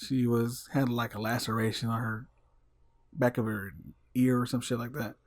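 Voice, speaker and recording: A man's voice: medium pitch, flat delivery, normal speed, no echo. A man co-hosting a casual podcast in a laid-back way, often trailing off. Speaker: podcast co-host. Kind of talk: casual chat.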